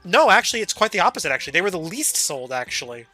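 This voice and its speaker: A man's voice: high-pitched, big pitch swings, racing, sharp tone, dry recording, faint music behind. A man streaming a game, chatting casually and rambling, with a casual swear here and there. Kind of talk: casual gaming chat.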